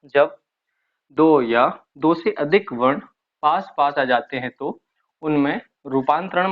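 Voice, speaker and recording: Guy teaching grammar, kinda high voice, keeps asking then answering himself, dull lo-fi sound. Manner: asks questions and answers them himself, repeats examples. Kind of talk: explaining at a whiteboard.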